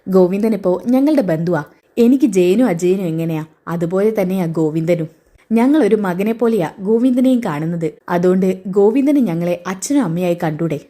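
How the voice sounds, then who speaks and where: A woman voicing a gentle, reassuring elderly grandfather in a spoken serial recap. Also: lowish voice, lively intonation, normal speed. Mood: kind.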